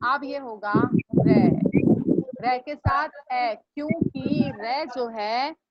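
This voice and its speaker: A woman's voice: sits high, extremely slow. A woman teacher giving a grammar lesson in a classroom, often repeating her questions to drill the students. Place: classroom with blackboard. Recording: dull lo-fi recording with steady noise.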